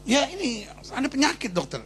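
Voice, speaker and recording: A man voicing an embarrassed male patient who talks in a hushed, hesitant way. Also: very high-pitched, wildly swooping pitch, normal speed, slight background noise, pitched above the performer's own voice, full character voice. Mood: sheepish.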